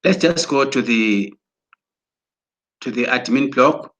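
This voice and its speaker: A man giving an excited promotional talk, exhorting listeners and often restarting his words as he goes. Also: medium pitch, takes it slowly. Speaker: broadcaster.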